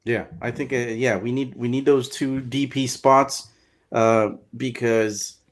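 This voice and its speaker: A man's voice: medium pitch, fairly even intonation, slow pace. A man co-hosting a casual sports podcast, mostly giving short agreeing replies in a laid-back way. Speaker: podcast co-host.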